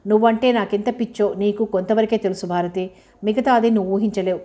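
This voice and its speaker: A woman's voice: medium pitch, steady tone, fairly quick, warm tone, natural voice. Woman reading a remorseful lame young man.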